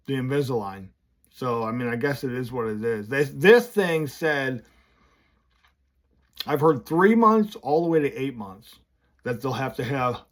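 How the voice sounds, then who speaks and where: A man talking casually to camera from his office in a vlog, candid and rambling, his speech slurred by new braces. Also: medium pitch. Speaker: vlogger running a business.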